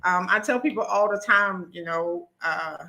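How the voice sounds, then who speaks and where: Bright, excited woman hosting a live stream. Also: lowish voice, normal speed. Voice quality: nervous, talkative, many ums and restarts.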